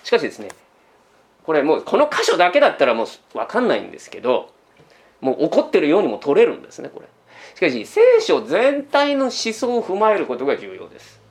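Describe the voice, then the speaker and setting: A man preaches a sermon in a chatty, conversational way. His voice sits high and swings widely as he asks the congregation one question after another. He keeps tacking a small "this" onto the ends of his sentences. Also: huge pitch swings, a little fast. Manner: tags sentences with a trailing "this". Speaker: pastor.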